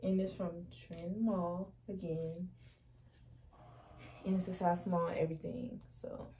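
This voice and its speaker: A woman's voice: on the low side, level tone, mellow, slight background noise, rough recording. Sassy young woman in a bedroom. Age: young adult. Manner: chatty, sassy slang, quick bursts. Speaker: fashion vlogger. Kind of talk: casual try-on haul chat. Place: small bedroom indoors. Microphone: camera across the room.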